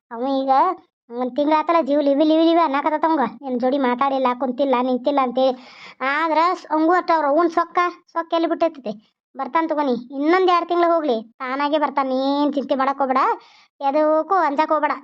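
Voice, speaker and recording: A woman voicing an elderly grandmother with a North Karnataka Kannada accent, gently comforting and coaxing. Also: high voice, natural voice. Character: elderly grandmother, soothing and protective. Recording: dull lo-fi recording.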